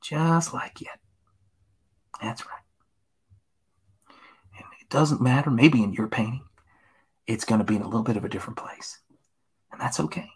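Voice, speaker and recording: A man from Tennessee talks his way through a painting on a live stream in a slightly husky, mid-pitched voice. His patter is gentle and reassuring, and he often drops to a near whisper while he works the brush. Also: expressive, moderate pace, pauses often. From Tennessee, USA. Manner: soft, gentle encouraging patter, often sliding into a hushed whisper.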